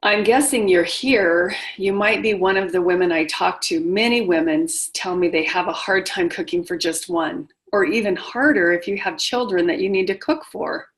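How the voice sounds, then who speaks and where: A woman's voice: fairly low pitch, rough recording. A middle-aged woman hosting a motivational webinar, speaking directly and encouragingly to her listeners. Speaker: webinar host and widowhood coach.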